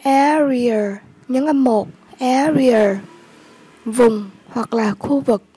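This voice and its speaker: A woman English tutor, slowly repeating vocabulary words and giving the word class, the stressed syllable and the meaning of each. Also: on the high side, dark tone, slightly rough. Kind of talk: vocabulary lesson.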